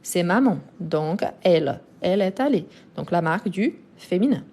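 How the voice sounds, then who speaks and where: Slow, careful French-Brazilian woman teacher. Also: fairly low pitch, animated, dark tone. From France and Brazil. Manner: slow, deliberate, explanatory with many fillers. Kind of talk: live online grammar lesson.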